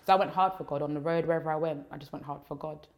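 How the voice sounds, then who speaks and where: A woman's voice: low-pitched, steady tone, rapid-fire. A woman with an urban London accent chats casually as an interview guest, using slangy roadman talk. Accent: London, urban street slang.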